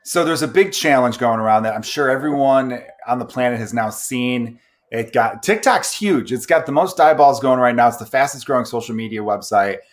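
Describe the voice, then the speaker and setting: Podcast host guy, medium pitch, chatting casually, kinda rambly and jokey. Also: fairly quick. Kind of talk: casual chat.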